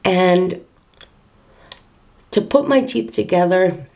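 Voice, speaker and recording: A woman speaking through dentures in a low, gravelly voice. Her tone is mellow and dark, and she talks in a candid, conversational way, pausing with fillers as she shares a personal update. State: wearing dentures. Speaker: vlogger. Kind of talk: casual personal video update.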